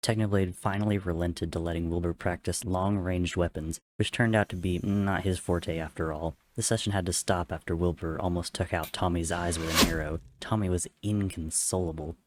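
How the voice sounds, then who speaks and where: A man's voice: low voice, steady tone, normal speed, few pauses, slight background noise. A man narrating fiction aloud as a dramatic reading.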